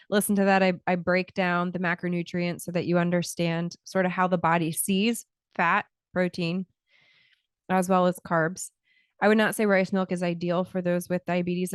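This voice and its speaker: A woman's voice: on the low side, smooth, no room sound. A woman in her thirties hosting a health podcast from a small home studio, talking casually into a close studio mic, explaining things with frequent restarts. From Scotland, early childhood. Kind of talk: casual solo podcast talk. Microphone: large studio mic close to the mouth.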